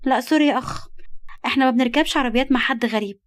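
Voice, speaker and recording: Brief: sly young female schemer, voiced by a woman storyteller, Egyptian accent, quick, high and insistent. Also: no room sound, close to an everyday voice. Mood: pushy. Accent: Egyptian Arabic. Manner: sly, pushy.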